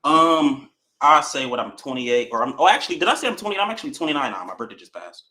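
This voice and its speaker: A man in his twenties, calling into a dating stream, talking softly and trailing off with lots of fillers. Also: fairly high pitch, very animated, quick pace. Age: 20s. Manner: trailing off, soft, hesitant. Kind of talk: casual chat.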